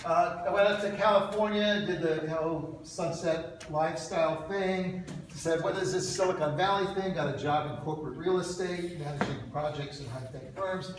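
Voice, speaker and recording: In a very echoey room with loud noise, a man in his sixties gives an informal lightning talk. His voice sits a little high, and he speaks off the cuff with wry asides. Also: fairly even intonation, normal speed, far from the mic. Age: 60s. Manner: off-the-cuff, wryly self-deprecating, with asides. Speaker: speaker at an alumni reunion talk. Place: echoey indoor presentation room.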